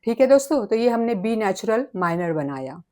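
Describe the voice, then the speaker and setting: A woman giving a relaxed spoken piano lesson, patiently counting tones and semitones and singing note names as she plays. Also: fairly high pitch. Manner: slow and patient, counting notes aloud. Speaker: piano teacher.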